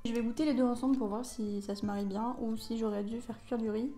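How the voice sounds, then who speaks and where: A woman's voice: a little high, steady tone, fast talker, dark tone, faint music behind. A young woman in a casual food tasting vlog, chatting and rambling with many fillers. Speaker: vlogger.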